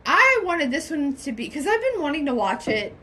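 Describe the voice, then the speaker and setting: A woman's voice: sits high, sing-song, normal speed, pushed and bright. A woman co-hosting a podcast, chatting casually about movies and agreeing often. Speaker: podcast co-host.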